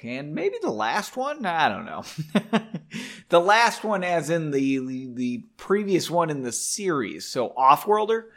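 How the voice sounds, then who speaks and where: A young man reads a novel aloud and keeps breaking off for loose, self-deprecating asides with casual swearing. His voice sits a little high for a man, and his pitch jumps around with a lot of energy. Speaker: podcast host reading a novel aloud. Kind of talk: book reading with casual commentary.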